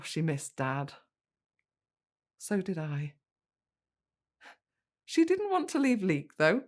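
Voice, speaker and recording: A low-pitched actress plays a middle-aged British daughter, wistful and caring, in a naturalistic audio drama. She speaks gently and reflectively, in the manner of reflective narration.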